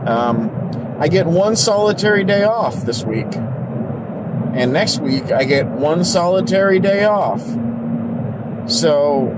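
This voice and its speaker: A young man with a scratchy cough vlogging casually while he drives at night, rambling and joking at his own expense. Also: a little high. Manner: rambling, self-mocking, joking. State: scratchy cough, coming down with something. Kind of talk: casual vlog while driving. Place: in a car at night. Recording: loud car and road noise. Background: road and car noise.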